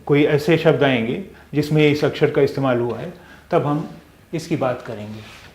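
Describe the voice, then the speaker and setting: A male language teacher giving a slow spoken lesson. He repeats sounds patiently and often hesitates with "uh". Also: medium pitch, a little mellow, a little hiss or hum. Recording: echoey room.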